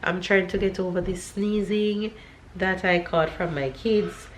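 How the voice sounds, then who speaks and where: Filming a casual family vlog in her kitchen, a Jamaican mother in her thirties talks to the camera and her children with a blocked-up nose. She speaks a little slowly at a fairly low pitch with a steady tone. Noise and echo fill the home recording.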